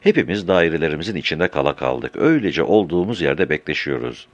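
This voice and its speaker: A man reading a story aloud in an animated, expressive way, changing his voice for each character. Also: extremely low pitch, fast, no echo, muffled recording. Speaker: narrator.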